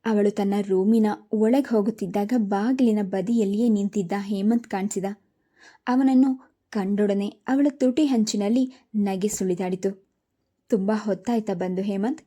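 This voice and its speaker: A woman's voice: medium pitch, unhurried, warm tone. A woman steadily reading a novel aloud in episodes as a storyteller.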